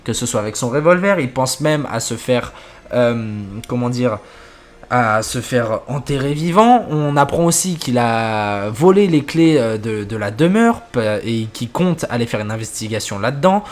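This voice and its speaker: A man hosting a horror story channel, wrapping up casually and thinking aloud with hesitant pauses. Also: mid-range voice, lively intonation. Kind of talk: casual wrap-up commentary.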